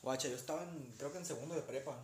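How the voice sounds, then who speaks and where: A young man with a Mexican accent, telling stories in a slangy, animated way on a casual podcast. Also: medium pitch, rapid-fire. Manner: slangy, animated, acts out quoted voices. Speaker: podcast co-host. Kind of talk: casual storytelling chat. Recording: roomy, faint background noise.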